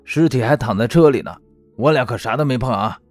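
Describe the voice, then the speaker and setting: A man's voice: brisk, no room sound, soft background music, natural voice. A man voicing a cheeky, thick-skinned young joker in an audiobook drama, teasing and mock-solemn. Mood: protesting. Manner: teasing, mock-solemn, drops to spooky low tones.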